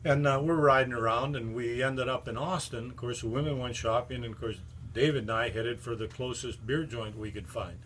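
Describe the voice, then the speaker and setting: An older man tells stories about an old friend in a casual, folksy way. His tales ramble along with plenty of fillers and asides, and his voice sits at an ordinary middle pitch. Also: fairly even intonation, fairly quick, hardly any pauses, fairly bright tone, a little hiss or hum. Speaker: friend giving a book endorsement. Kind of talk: casual storytelling.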